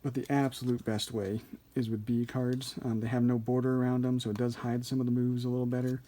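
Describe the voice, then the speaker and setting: A man with a mellow, relaxed voice of medium pitch walks through a hands-on demonstration. He speaks informally as an instructor, hesitating now and then as he thinks aloud. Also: brisk. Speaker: card trick instructor. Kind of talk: casual hands-on tutorial.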